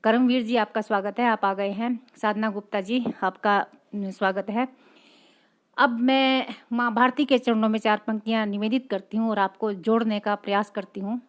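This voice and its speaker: A woman's voice: on the high side, steady tone, normal speed. A woman poet hosting her own live reading, greeting viewers one by one and reading out their comments in a polite, respectful manner.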